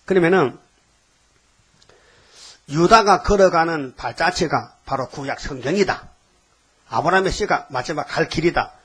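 Husky, scolding preacher. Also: male voice, fairly high pitch. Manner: animated, scolding, rhetorical questions. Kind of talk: sermon.

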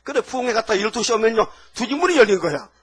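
A man's voice: high voice, animated, fast, husky. A man preaching a sermon in an emphatic, colloquial way, telling stories and constantly prodding the congregation with rhetorical questions. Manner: colloquial storytelling with laughs. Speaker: pastor.

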